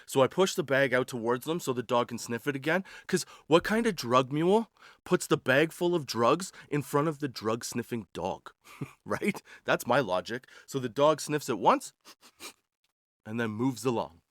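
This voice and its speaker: A man's voice: mid-range voice, lively intonation, moderate pace, a bit bright, no room sound, studio quality. A man in his forties hosting a podcast, telling personal stories in a wry, slangy, self-deprecating comedic style. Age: 40s. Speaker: podcast host. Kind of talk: comedic personal storytelling monologue.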